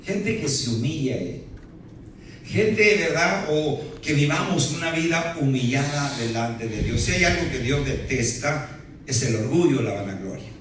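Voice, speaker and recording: A man's voice: mid-range voice, animated, a little slow, a bit bright, a little hiss or hum. A pastor preaching a sermon to his congregation, often tagging his sentences with a questioning aside and joking in between. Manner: peppers speech with "¿verdad?" and playful asides. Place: church sanctuary. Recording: very echoey hall, voice from far off.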